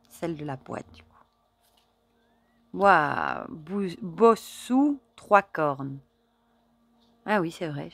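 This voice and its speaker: Chatty woman with a lowish voice. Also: vocal fry, slightly rough, no echo. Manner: chatty and admiring, with soft murmured asides. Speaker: card reader and oracle deck reviewer. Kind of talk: casual unboxing chat to viewers.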